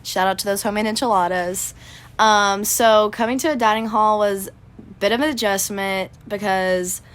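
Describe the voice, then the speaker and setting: A woman's voice: medium pitch, a bit bright. A young college woman answering interview questions in a composed, articulate way. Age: young adult.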